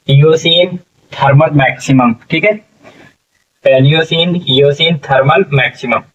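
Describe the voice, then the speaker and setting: A man's voice: medium pitch, far from the mic, muffled recording. A man teaching English reading to learners, spelling words out letter by letter and often checking in with "ठीक है". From India. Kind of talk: slow spelling-out classroom lesson.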